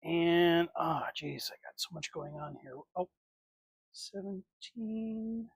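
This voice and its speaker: A man's voice: fairly high pitch, slow, gravelly, breathy edge, no room sound, clean studio sound. A man hosting a casual livestream, chatting and talking to himself as he swaps parts on figures. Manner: rambling, talks to himself as he works. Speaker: livestream host. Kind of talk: casual live chat while swapping figure parts.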